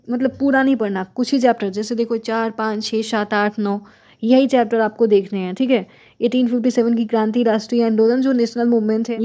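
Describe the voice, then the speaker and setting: Mellow-voiced woman giving exam advice. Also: a little high. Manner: direct, advising, addresses viewers as friends. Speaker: exam prep teacher. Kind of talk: casual explanatory lesson.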